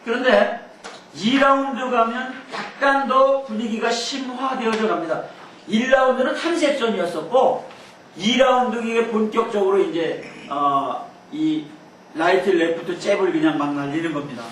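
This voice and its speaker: A man's voice: high-pitched, moderate pace, fairly bright tone, slight background noise. A man preaching a Bible teaching sermon, a playful storyteller who jokes and makes puns. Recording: very echoey hall, voice far from mic.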